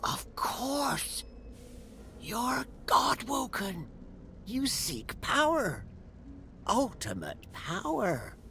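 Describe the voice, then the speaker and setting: A man's voice: very high-pitched, sing-song, very slow, long pauses, pushed and bright, slight background noise, heavily acted. A man playing a craven, scheming old undead dwarf skeleton in a fantasy video game, theatrical as he swings between frantic pleading and ominous intoning. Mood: craven, eager.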